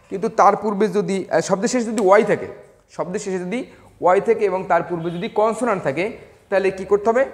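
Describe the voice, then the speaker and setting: High-voiced man teaching grammar slowly. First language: Bengali. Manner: slow and deliberate, spelling words letter by letter, with hesitations. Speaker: English teacher. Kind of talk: classroom grammar lesson.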